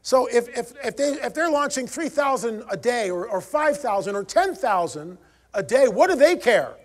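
A man's voice: extremely high pitch, big pitch swings, moderate pace. A man giving a conference talk in an emphatic manner, pushing up to urgent peaks. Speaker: conference speaker. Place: conference hall.

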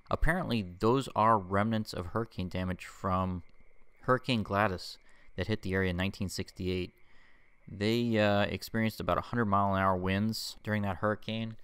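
Deep-voiced man, relaxed travel voice-over. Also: smooth, no echo. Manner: easygoing, chatty, self-deprecating asides. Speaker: travel vlogger narrating a boat tour. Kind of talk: casual voice-over narration.

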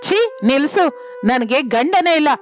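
Fierce scolding young wife in a storybook tale, a woman voicing her, high-pitched. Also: expressive, takes it slowly, soft background music. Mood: angry.

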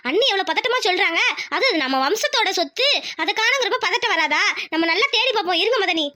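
A woman's voice: extremely high pitch, expressive, fast talker, pushed and bright, heavily acted. A woman voicing a bossy, scheming middle-aged sister-in-law in a cartoon, coaxing and ordering others around.

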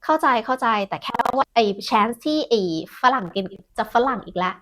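A woman's voice: fairly high pitch, expressive, moderate pace, a bit bright. A woman hosting a casual vlog chat, earnestly explaining her views at length. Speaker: vlog host.

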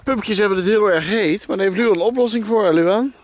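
A man's voice: high-pitched, fairly quick, heavy background noise. A man in his thirties filming a casual family vlog at a campsite, bantering in a joking mock-announcer way. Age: 30s. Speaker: vlogging father. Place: outdoors at a campsite. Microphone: handheld camera behind the lens. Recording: background music under voice.

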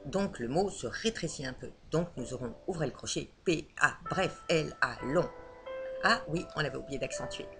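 A woman's voice: low-pitched, lively intonation, normal speed, over music. A woman teaching a lesson on Old French, explaining patiently with frequent hesitations.

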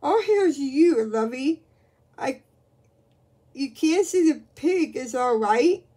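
Woman voicing an exasperated farm wife, storybook reading, bellowing, high voice. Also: lively intonation, takes it slowly, dark tone.

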